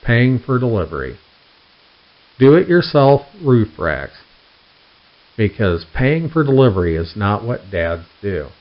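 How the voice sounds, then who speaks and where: A man's voice: fairly low pitch, big pitch swings, normal speed, few pauses. A man reading out puns and telling dad jokes, setting each one up and then giving the punchline. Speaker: host of a joke newsletter read aloud. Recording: dull, lo-fi sound.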